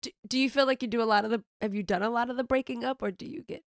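A woman hosting a podcast, lively and teasing with slangy talk, her voice congested. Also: fairly high pitch, rapid-fire, no echo, clean studio sound. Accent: American. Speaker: podcast host. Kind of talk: casual podcast chat.

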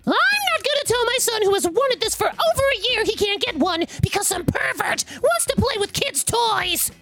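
A man voicing a shrill, indignant entitled mother who yells at a stranger. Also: sing-song, normal speed, creaky, soft background music, full character voice. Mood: outraged. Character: shrill entitled mother, middle-aged, screeching.

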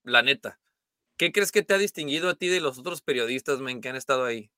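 A man hosting a podcast, relaxed and slangy as he chats and asks questions. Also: medium pitch, fast talker, no echo, studio quality. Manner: laid-back, slangy. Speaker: podcast host. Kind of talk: casual podcast chat.

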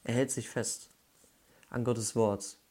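A man giving a devotional Bible talk, explaining slowly with pauses and correcting himself as he goes. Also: medium pitch, fairly even intonation, mellow. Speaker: Bible teacher.

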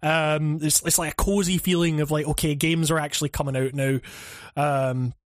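A man's voice: fairly high pitch, normal speed, no room sound, clean studio sound. A young man co-hosting a casual gaming chat, rambling and swearing freely. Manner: rambling, profane, animated. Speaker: podcast co-host.

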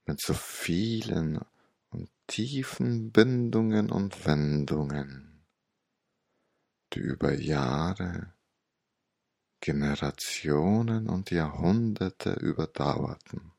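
Very slow, deep, gravelly man, sage-like. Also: a little mellow, no room sound, studio quality. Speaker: meditation guide and storyteller. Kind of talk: hypnotic guided meditation storytelling.

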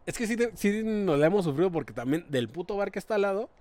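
A man's voice: high-pitched, lively intonation, fast talker, darkish tone, dry recording. A young man with a Mexican accent, co-hosting a casual comedic chat, swearing freely and acting out the people in his stories. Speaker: podcast co-host.

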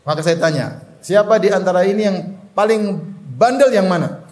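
A middle-aged man giving a sermon in an animated storytelling manner, asking the listeners to finish his sentences. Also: high voice, normal speed. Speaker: preacher.

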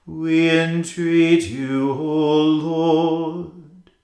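A church choir singing an evening liturgy in slow, even chant, with a cathedral echo. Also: medium pitch. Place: large stone cathedral. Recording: roomy cathedral echo, faint music.

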